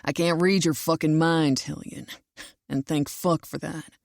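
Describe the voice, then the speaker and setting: A woman voicing a gruff, domineering cowboy man with a low, commanding growl. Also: steady tone, a little slow, a little mellow, no room sound, studio quality. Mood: irritated.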